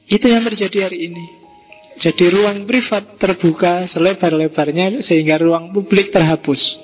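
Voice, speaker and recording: A man with a Javanese accent and a fairly high voice lectures in a relaxed, teasing way, tossing rhetorical questions and slang at his audience. His voice rings through a large hall with a long reverb. Faint music sits underneath. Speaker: lecturer on philosophy. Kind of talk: casual lecture to a live audience.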